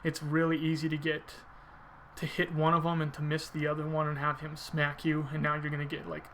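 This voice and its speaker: A man's voice: a little high, monotone, a little fast, fairly bright tone, slight background noise. A man giving casual video game commentary, thinking aloud informally as he explains his technique.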